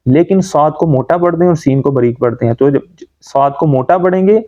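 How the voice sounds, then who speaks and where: A man teaching correct Quran recitation, explaining common pronunciation mistakes and then reciting words slowly to demonstrate. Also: a little high, dark tone, lo-fi sound. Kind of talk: tajweed lesson.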